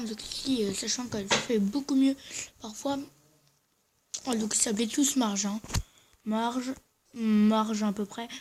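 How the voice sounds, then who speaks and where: Hesitant and halting, often correcting themselves, a gaming video host offers casual gameplay commentary. Their mid-range, darkish voice has a little hiss or hum, and dental braces make the speech slightly slurred and a bit odd.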